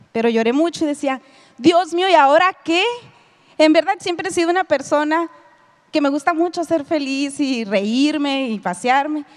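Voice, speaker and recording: A middle-aged woman with a high voice gives a lecture to an audience, sharing a personal testimony as a story. She speaks to her listeners directly and acts out the dialogue she quotes. A long reverb makes her voice ring out as if in a big hall.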